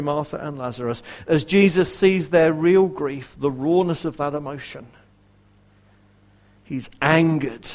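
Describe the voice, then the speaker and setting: A man delivers a sermon in a slightly higher than average voice. He speaks earnestly and puts direct questions to his listeners. His volume swings widely, sinking to a near whisper for quoted verses. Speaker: preacher.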